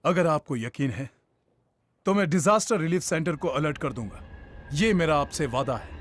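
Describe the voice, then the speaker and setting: A man's voice: on the high side, lively intonation, normal speed, no echo. An actor playing a cautious male politician in a Hindi film dub, guarded and calculating. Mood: wary. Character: cautious male politician worried about his party.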